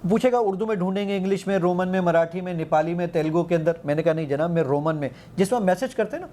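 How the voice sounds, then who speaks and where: A man's voice: high voice, dark tone, a little hiss or hum. A man, an app founder, eagerly demonstrating his app in an interview, quoting the commands he gives it and counting aloud.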